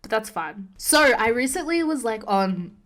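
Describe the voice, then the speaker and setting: A woman's voice: on the high side, sing-song, normal speed, fairly bright tone. A woman in her early twenties co-hosting a podcast, chatting casually, laughing often and speaking with emphasis. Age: early 20s. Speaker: podcast co-host. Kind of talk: casual chat.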